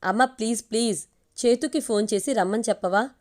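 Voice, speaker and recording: A woman's voice: a little high, brisk, darkish tone, lightly acted. A woman voicing a lovesick young husband in a read-aloud story, speaking in a pleading, boyish way.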